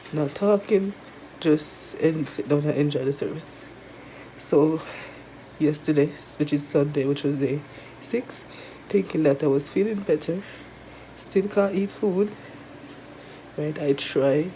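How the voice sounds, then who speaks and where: A woman with a Jamaican accent chats casually to viewers in a halting, weary way, her throat sore and mouth dry after tonsil surgery. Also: low-pitched, dark tone, slight background noise, poor audio. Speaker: vlogger. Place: resting at home in bed.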